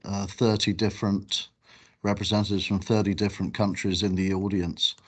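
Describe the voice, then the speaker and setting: Low-voiced man moderating a webinar. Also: level tone, normal speed.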